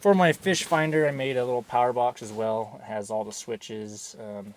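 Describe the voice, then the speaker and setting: A man hosting a casual fishing vlog, talking in excitable bro slang. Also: mid-range voice, normal speed, a little hiss or hum. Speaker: host of an outdoor fishing channel. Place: outdoors in a snowstorm, later inside an ice fishing tent.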